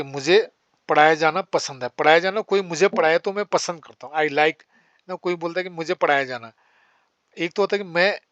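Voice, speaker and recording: A man teaching English grammar in Hindi, explaining with repeated example sentences and saying the English ones very slowly. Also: on the high side, a bit bright, no room sound, lo-fi sound.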